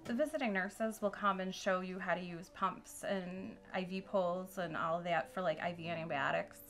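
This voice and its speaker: A woman's voice: fairly low pitch, normal speed, fairly bright tone, faint music behind. A middle-aged woman, a mother in a personal interview, recollecting and explaining in plain, informal words.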